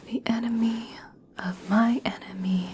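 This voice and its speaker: A woman voicing a kind, reassuring young elf princess in a soft, breathy, soothing whisper for an ASMR personal attention roleplay. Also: a little high, fairly even intonation, a little hiss or hum, natural voice. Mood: soothing, caring. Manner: slow, gentle, soothing, hushed.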